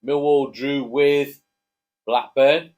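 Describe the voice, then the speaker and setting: A man's voice: medium pitch, flat delivery, takes it slowly, darkish tone. Dad co-hosting a casual chat, jokey and chatty, always nudging his mate to talk. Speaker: co-host, father.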